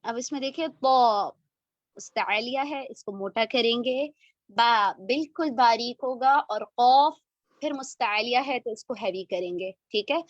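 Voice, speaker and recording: A woman teaching Quran recitation online, drawing verses out slowly for repetition, then correcting and praising briskly. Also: a little high, dry recording, muffled recording. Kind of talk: online tajweed lesson, call and repeat.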